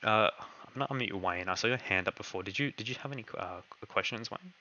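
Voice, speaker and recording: Speaking fast in a lowish, bright, strained voice, a crypto project host fields community questions during a live online Q&A. His voice is going, so he hesitates a lot and fills gaps with "kind of" and other fillers. The audio comes across muffled.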